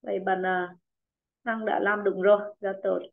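A woman teaching an online English pronunciation lesson with a Vietnamese accent, encouraging students and repeating words slowly for them. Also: medium pitch, level tone, gravelly. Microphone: video call. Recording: tinny phone-like video call audio.

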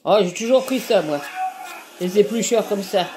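With faint music behind her, this older French home cooking vlogger speaks at medium pitch and a moderate pace, her intonation lively. She chats casually as she peels vegetables, earthy and talkative, dropping little asides and "hein" after nearly every sentence.

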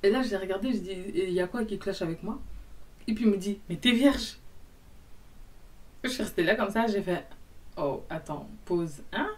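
A young woman telling a casual storytime to camera, animated, acting out both sides of a conversation. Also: mid-range voice, quick pace, distant mic.

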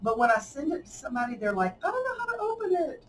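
A woman with a Southern US accent demonstrates a paper craft at a table as a craft tutorial host, racing along in a high, very animated voice. Her casual, hands-on talk is folksy and chatty, with frequent laughter. The mic is slightly distant, picking up faint room noise.

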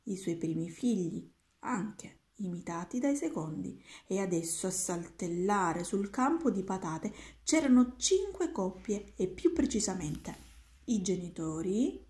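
A woman reading a children's book aloud in a steady, gentle manner. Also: medium pitch, a little slow. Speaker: reader. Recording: roomy echoing room.

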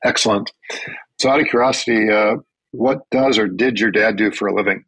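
A man hosting a podcast, reading his intro in a measured, announcer-like way and asking interview questions. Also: fairly low pitch, fairly bright tone, slightly rough, low-quality recording. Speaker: podcast host.

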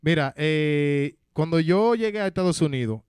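A man in his thirties with a Dominican accent, a musician guest telling his story in an animated, casual way in a TV studio. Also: a little high, normal speed, clean tone. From Dominican Republic. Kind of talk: casual interview chat. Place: TV studio with green backdrop. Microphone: handheld mic.

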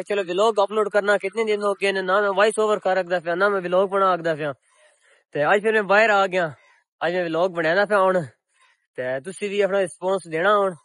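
A young Pakistani man in his twenties with a Punjabi accent chats casually to his viewers in a village vlog, filming on a phone held at arm's length out in open countryside on a cloudy, windy day. His voice sits high with a fairly bright tone, the recording is dry, and he is recovering from a sore throat.

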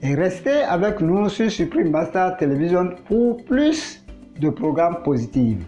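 Broadcast announcer, dark warm tone, unhurried and formal; lo-fi recording with soft music behind. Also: medium pitch, sing-song. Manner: measured, formal delivery. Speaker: program announcer. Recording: dull lo-fi broadcast audio over music.

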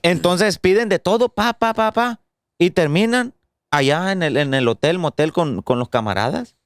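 A young Mexican man with a Mexican accent talks on a podcast in a smooth, fairly high voice. He swears freely and lectures in slang. The sound is dry and close to the mic. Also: expressive, moderate pace, dry recording. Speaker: podcast co-host. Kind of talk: casual crude banter.

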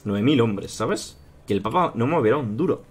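A man with a Spanish accent from Spain giving casual commentary while playing a strategy game, chatting to his viewers and thinking out loud. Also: mid-range voice, expressive, moderate pace, slightly rough. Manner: chatty, thinks aloud, addresses viewers as "chicos" and "tío". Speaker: gaming youtuber.

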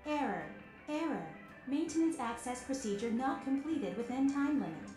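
A machine announcer heard through a robotic public-address effect, calling out errors in flat, formal phrases. Her pitch swings more than you would expect. The sound is roomy, with loud game music behind it. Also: moderate pace. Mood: announcing. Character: automated female facility system voice. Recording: echoey game audio over music.

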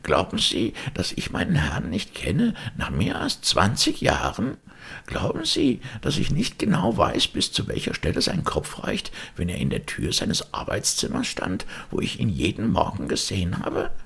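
A man voicing a loyal, frightened old male servant in an audiobook, speaking in a hushed, anxious, pleading way with a raspy voice. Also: fairly low pitch, wildly swooping pitch, measured pace, voice pushed up, exaggerated voice. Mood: fearful. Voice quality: gravelly, raspy. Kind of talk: audiobook character reading.

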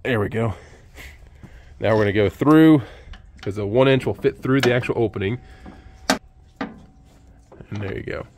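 A man's voice: on the low side, measured pace, long pauses, slight background noise. A man who owns a sawmill casually walks through a repair step by step, recorded outdoors on a handheld camera beside the machine. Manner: relaxed, explains step by step with fillers. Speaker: sawmill owner showing a repair. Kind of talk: casual how-to demonstration. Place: outdoors at a sawmill under an open shed.

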